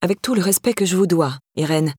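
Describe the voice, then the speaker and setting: A woman reading an audiobook, voicing a proud, restrained middle-aged woman in a low, subdued voice. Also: expressive, fairly quick, a little mellow, slightly rough, dry recording, studio quality. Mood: haughty. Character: proud, grieving middle-aged woman, cold then fragile.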